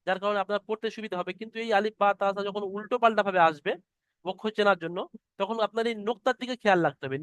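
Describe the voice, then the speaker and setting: A man teaching the Arabic alphabet in an online class, patiently sounding out each letter slowly and explaining how to pronounce it. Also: high voice, fairly bright tone, clean tone, no echo. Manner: slow, patient, drawn-out letter demonstrations. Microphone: computer mic on a video call.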